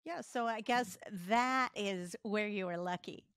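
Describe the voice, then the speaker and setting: A woman's voice: mid-range voice, measured pace, a bit bright, clean tone. A woman interviewing a chef, encouraging him and summing up his points. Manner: encouraging, sums up the guest's points. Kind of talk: casual interview.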